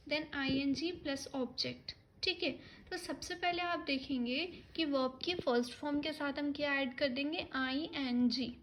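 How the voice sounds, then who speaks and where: A woman's voice: sits high, slight background noise. A woman teaching an English grammar lesson for exam preparation, explaining step by step and often checking in with her students.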